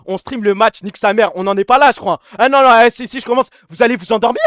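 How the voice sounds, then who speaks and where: Fast-talking high-voiced young man streaming. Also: a bit bright, dry recording, studio quality. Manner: fast, slangy, crude, laughs often. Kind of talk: casual live-stream chat.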